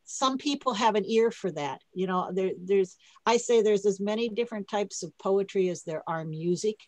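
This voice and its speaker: A woman's voice: medium pitch, normal speed, darkish tone, no room sound, rough recording. A woman poet leading a writing workshop, talking casually and thinking aloud with many restarts over a video call. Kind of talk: casual teaching talk.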